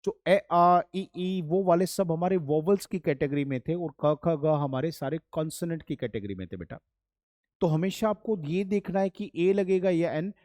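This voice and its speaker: A man's voice: a little high, mellow, no echo, clean studio sound. Patient male grammar teacher. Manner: patient, repeats points, calls students "beta" and "bachhon". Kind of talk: classroom lesson.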